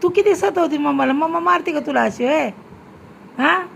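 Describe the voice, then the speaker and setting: A woman's voice: high-pitched, normal speed, creaky, background noise. A woman filming a home vlog, chatting casually and scolding with teasing questions. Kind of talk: casual home video chat.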